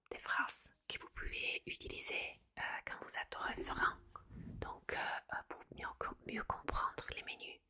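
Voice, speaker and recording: A woman giving a whispered ASMR lesson into a close microphone, softly repeating each word twice, with hesitant fillers and small self-corrections. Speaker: ASMR creator teaching words.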